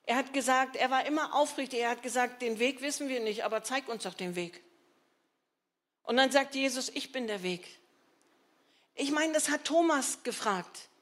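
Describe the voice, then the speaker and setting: A woman's voice: high-pitched, moderate pace, a bit bright. A woman preaching a sermon in an earnest, emphatic, conversational way, with rhetorical asides to the congregation.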